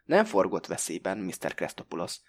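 A man voicing a calm, sardonic male hijacker who never raises his voice, in an audiobook. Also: deep voice, vocal fry, voice pushed down, full character voice. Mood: coolly mocking. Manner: level, sardonic, never raising the voice. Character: calm, mocking male hijacker, coolly menacing.

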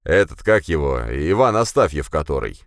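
A man voicing a fat, bossy middle-aged police chief who shouts and blusters. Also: very deep voice, sing-song, normal speed, no room sound, clean studio sound, heavily acted. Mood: blustering, angry.

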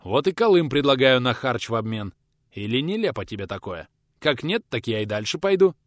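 A gruff, irritable old pensioner barks brusque orders, as a man acts him out. His delivery is lively in pitch and recorded dry and close. It is an audiobook reading. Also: fairly quick, dry recording, natural voice. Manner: brusque, commanding.

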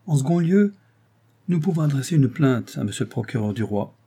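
A man voicing a sly, scheming older lawyer who flatters and insinuates in an audiobook. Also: medium pitch, brisk, breathy edge. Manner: wheedling and insinuating.

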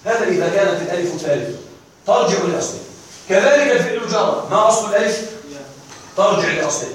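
A man's voice: sits high, animated, quick pace. A man teaching a grammar lesson to a class, drilling verb forms aloud and often checking that his students follow. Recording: echoey room, distant mic, faint noise.

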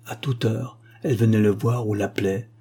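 A man narrates a short story in audiobook style. His voice is mellow and a little breathy. He acts out the dialogue lightly and rises in pitch for the female characters. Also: fairly even intonation, normal speed. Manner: gently acts out the dialogue, lifting his voice for the women's lines. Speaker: reader.

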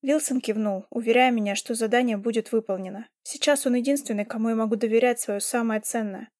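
Woman audiobook reader, steady even narration, fairly high voice, dry close recording. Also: brisk, no room sound. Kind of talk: first-person novel narration.

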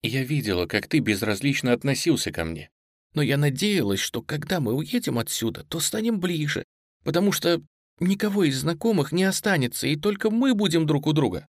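A man's voice: a little high, lively intonation, a little fast, dry recording, voice pushed up. Storybook young woman, scared and teary, trembling pleas, voice lifted, done by a male reader; dry booth sound. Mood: tearful. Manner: trembling, pleading, tearful. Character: frightened tearful young woman, pleading.

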